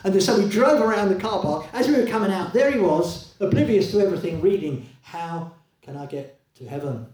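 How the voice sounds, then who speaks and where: A man preaching a sermon in a church, conversational and lively, with many rhetorical questions to the congregation. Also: high-pitched, a little fast. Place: church hall. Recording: echoey hall, voice from a distance.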